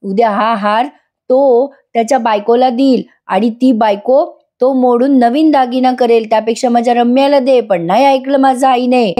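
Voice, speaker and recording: A woman's voice: on the high side, normal speed, warm tone, pitched above the performer's own voice, close to an everyday voice. A woman voicing a bitter, sarcastic middle-aged aunt who complains and taunts. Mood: bitter taunting.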